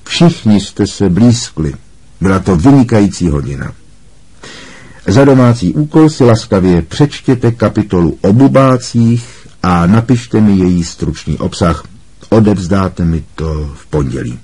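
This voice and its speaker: A man voicing a calm, kindly male teacher who praises and instructs his class. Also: lowish voice, husky. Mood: warm praising.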